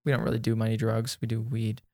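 A man's voice: on the low side, little pitch movement, fast talker, gravelly, mellow, no room sound, studio quality. A man hosting a podcast, chatting casually and rambling with lots of fillers and jokes. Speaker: podcast host. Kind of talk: casual chat.

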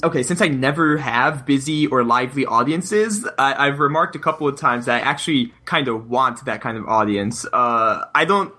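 A young man co-hosting a podcast, wry and teasing, talking in a dry, deadpan way. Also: medium pitch, normal speed, few pauses. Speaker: podcast co-host. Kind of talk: casual chat.

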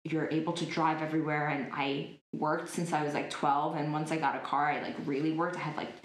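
A woman in her twenties with a low voice for a woman chats casually as an interview guest, peppering her speech with "like" and "um." Her delivery is flat and fairly quick, and the open room adds a noticeable echo.

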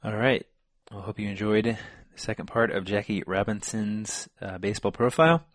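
A man co-hosting a sports podcast in casual chat, relaxed and full of fillers. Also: lowish voice, moderate pace. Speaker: podcast co-host.

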